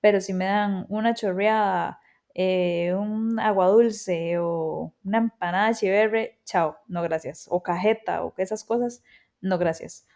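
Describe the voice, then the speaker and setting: Speaking a little slowly, a thirtysomething Costa Rican podcast host reflects on her life in a chatty monologue full of quoted asides. Her medium-pitched voice is steady and darkish, carrying a Costa Rican accent.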